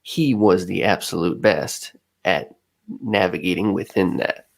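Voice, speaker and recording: Gravelly low-voiced man musing on a podcast. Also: unhurried. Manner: thoughtful, musing, searching for words. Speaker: podcast co-host. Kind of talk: casual podcast chat.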